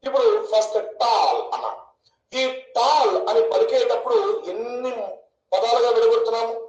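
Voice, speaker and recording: Speaking at a moderate pace, this online English grammar teacher has a very high, slightly mellow voice. He poses questions, answers them himself, and draws words out syllable by syllable, recorded in an echoey room with dull audio.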